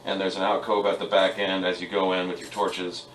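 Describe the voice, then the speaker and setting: A man running a tabletop game as game master, narrating the scene in a relaxed, halting way with fillers. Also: low voice, reverberant, recorded from a distance, a little hiss or hum, rough recording.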